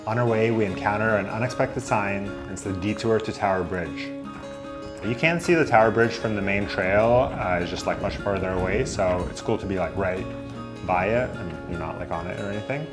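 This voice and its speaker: Low-voiced man narrating a hike over music. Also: fairly quick. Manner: relaxed, loose, full of fillers like "like" and "uh". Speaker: hiking vlog co-host. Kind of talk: casual travel narration. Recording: voice-over with clear music bed. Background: music under the voice.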